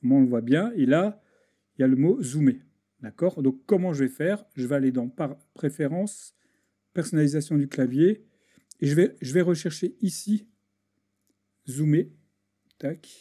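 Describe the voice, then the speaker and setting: A man with a somewhat high but very dark, mellow voice narrates a screen-recorded tutorial. He hesitates often, repeats words and restarts sentences while working in the program. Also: animated, moderate pace, pauses often, husky. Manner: hesitant, many restarts and fillers, talks while clicking. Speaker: video editing tutor.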